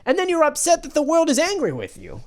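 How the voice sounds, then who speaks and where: Animated man giving casual news commentary. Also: very high voice, fast. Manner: rambling, emphatic, argues directly with the subject.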